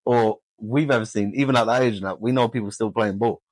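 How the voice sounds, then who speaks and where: Very deep-voiced young man, casual podcast chat. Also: a little fast, darkish tone, dry recording. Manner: colloquial, opinionated. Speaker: podcast co-host.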